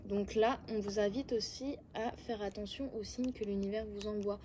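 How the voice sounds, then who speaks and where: Belgian-accented woman, card reader, casual spiritual guidance, mellow voice, faint background hiss. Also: medium pitch, steady tone, moderate pace. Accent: Belgian French. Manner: talks straight to viewers, coaxing and blunt, with frequent hesitations.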